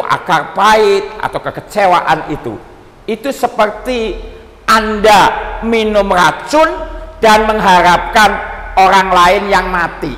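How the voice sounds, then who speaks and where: A male pastor preaches with humor, calling out to his congregation in a high, lively voice. His words ring through a church hall with a long reverb. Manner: animated, joking, often addresses listeners as brothers. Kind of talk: sermon.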